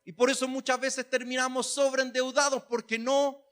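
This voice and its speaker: A man's voice: extremely high pitch, little pitch movement, moderate pace, a bit bright, clean tone. A man preaching a sermon, chatty and humorous, then rising to emphatic calls. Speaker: pastor.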